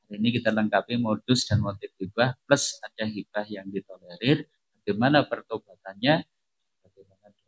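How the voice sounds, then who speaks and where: A man's voice: on the low side, normal speed, husky, lo-fi sound. A man leading a religious study session, taking questions and asking the audience rhetorical questions in a conversational way. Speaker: preacher.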